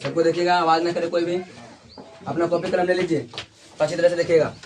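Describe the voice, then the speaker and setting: Fast-talking male teacher. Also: fairly high pitch, a little hiss or hum. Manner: repeats key words, constant check-ins to students. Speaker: English teacher. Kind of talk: classroom lesson at a board. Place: classroom.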